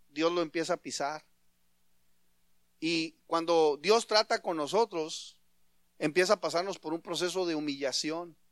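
High-voiced pastor preaching. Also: male voice, smooth, dry recording. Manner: animated, acts out dialogue in his stories. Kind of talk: sermon.

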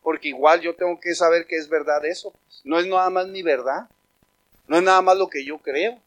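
A man preaching a sermon as a pastor, talking conversationally and rising loudly when he quotes God calling out names. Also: on the high side, fairly even intonation, fairly quick.

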